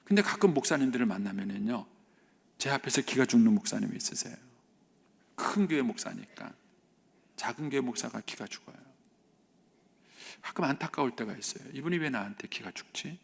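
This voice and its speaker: A man in his fifties, a senior pastor, preaching an emphatic sermon in a church and rising sharply in pitch when he voices a quoted speaker. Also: lively intonation, brisk, vocal fry, pauses often. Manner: emphatic preaching, voice rising high when quoting the elder son. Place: church sanctuary.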